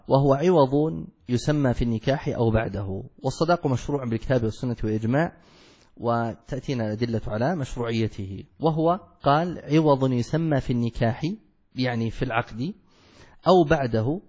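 A man's voice: medium pitch, a little fast, a little mellow, breathy edge. A man teaching a classical Arabic law text, explaining it step by step and asking and answering his own questions. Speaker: sheikh teaching a fiqh text. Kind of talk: classical Arabic study lesson.

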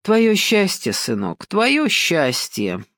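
A woman reading an audiobook and voicing a sly, domineering older African man who talks slowly and patronizingly. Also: on the low side, wildly swooping pitch, fairly bright tone, no echo, studio quality, full character voice. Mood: coaxing, sly. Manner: slow, coaxing, patronizing, keeps saying "son".

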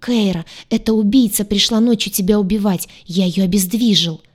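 A woman's voice: medium pitch, fairly quick, a little mellow, close to an everyday voice. Grumbling loyal demon familiar, voiced by a woman. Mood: eager. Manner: grumbling, hissing.

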